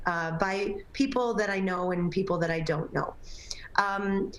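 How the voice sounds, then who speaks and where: A personal trainer and nutrition coach appears as a guest on a morning TV talk show, chatting casually with lots of fillers. Her mid-range voice is a little scratchy, with fairly even intonation and a measured pace, and the sound is reverberant.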